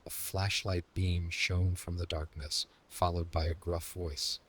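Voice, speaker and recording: A man telling a first-person horror story in scripted narration, slow, hushed and dramatic, sometimes sinking into a whisper. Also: sits low, little pitch movement, breathy edge.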